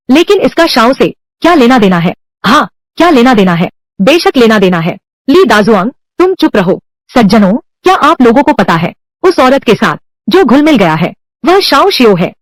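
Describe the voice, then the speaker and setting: A woman dubs an entire drama on her own, reading every male and female role in the same high, bright voice. Her pitch jumps up and down in animated swings. The recording is close and entirely dry.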